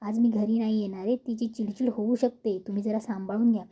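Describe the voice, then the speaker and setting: Woman as a calm young daughter, reassuring, dark tone. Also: on the high side, fairly quick, slightly rough. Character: young married daughter, patient and reasonable.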